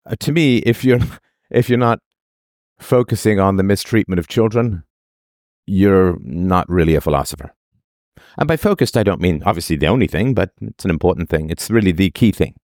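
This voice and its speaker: A man's voice: low voice, lively intonation, normal speed, darkish tone, no echo, clean studio sound. A man hosting a solo philosophical monologue, emphatic, repeating key phrases and drawing out words. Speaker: podcast host.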